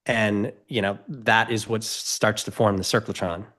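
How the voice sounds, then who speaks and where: A man's voice: fairly low pitch, steady tone, moderate pace, pushed and bright. A middle-aged man, a guest on a podcast, talking earnestly and expansively in a casual interview. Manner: earnest, expansive, gestures while explaining.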